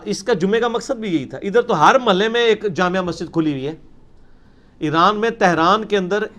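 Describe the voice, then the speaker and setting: Male scholar, high-pitched, emphatic explanatory lecture delivery. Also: a bit bright. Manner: emphatic, explanatory, with many English terms. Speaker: religious scholar answering questions. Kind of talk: lecture-style Q&A answers.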